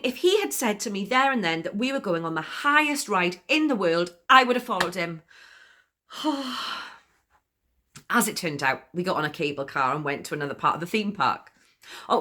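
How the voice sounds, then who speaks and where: A woman's voice: sits low, pushed and bright, slightly rough, heavily acted. An actress playing a chatty, giggly woman who confides her story in a comic spoken monologue and laughs often between sentences. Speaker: monologue performer.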